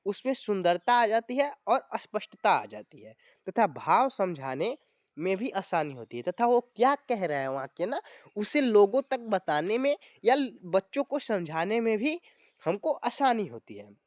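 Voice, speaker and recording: A man's voice: high voice, sing-song, a little slow, dry recording, studio quality. A man teaching a grammar lesson to exam students, explaining step by step and often addressing viewers as friends. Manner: explanatory, often calling viewers "friends" and adding tag words.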